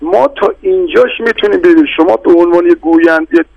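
A middle-aged man speaks insistently but courteously as a radio guest defending shopkeepers. His voice sits high and has a gravelly fry. The sound is dry and close. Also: no echo, highs cut off. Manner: insistent, polite, repeatedly addresses the host. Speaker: bazaar guild representative, radio guest. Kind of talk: phone-in radio debate.

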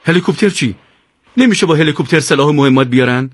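A man's voice: a little high, lively intonation, no echo, voice pushed up. A man voicing a desperate, emotional young male commander who pleads and cries out.

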